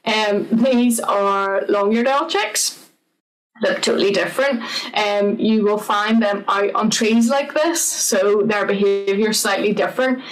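A woman's voice: mid-range voice, unhurried, far from the mic, poor audio. A woman, a conservation officer giving an informal online talk, explaining in a chatty way with lots of fillers.

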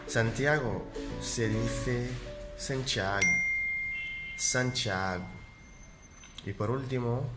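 A fairly low-voiced man from Equatorial Guinea hosts his own channel in a relaxed, chatty way, checking in with his viewers again and again. When he teaches, he slows right down and says each name twice. Loud music plays behind him the whole time. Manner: chatty, keeps checking in with "¿vale?"; spells out each name slowly and repeats it. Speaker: YouTube channel host. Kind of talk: casual vlog, teaching name translations.

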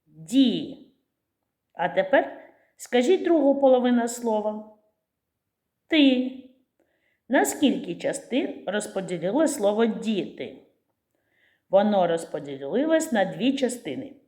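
A woman teacher with a Ukrainian accent giving a preschool literacy lesson in a slow, clear, sing-song voice to small children. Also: medium pitch, big pitch swings, mellow.

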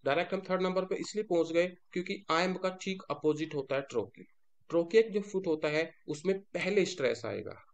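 A man's voice: a little high, animated, fairly quick, vocal fry. A man with an Indian accent teaching a lecture, mixing in English terms and answering his own questions. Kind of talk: classroom-style lecture.

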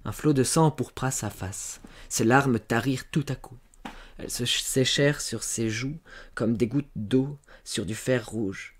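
Male audiobook reader, calm, mid-pitched, measured literary narration. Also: slightly rough.

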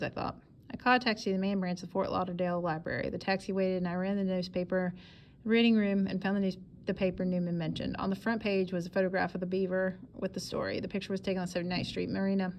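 A woman's voice: medium pitch, flat delivery, quick pace, slight background noise. A woman reading a first-person memoir aloud in a plain, matter-of-fact way. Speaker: audiobook reader.

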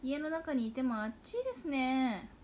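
Young woman, Hakata accent, lively casual stream chat, higher voice, faint hiss behind. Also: measured pace. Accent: Hakata dialect. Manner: chatty, animated, drops into dialect. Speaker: livestream host. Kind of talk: casual livestream chat reading comments.

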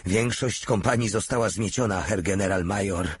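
A man's voice: lowish voice, moderate pace, breathy edge. A man voicing a bloodied German liaison officer giving an urgent report to his general.

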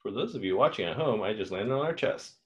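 A man's voice: lowish voice, quick pace, lo-fi sound. A man playing a board game, chatting casually and thinking aloud about his moves. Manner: relaxed, thinking aloud, chuckles.

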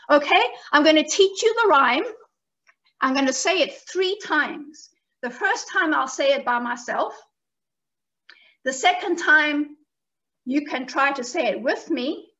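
A woman who writes children's books talks to young listeners in a gentle, simple, expressive way, like a teacher. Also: sits high, dull audio. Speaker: children's book author. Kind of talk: talk to children.

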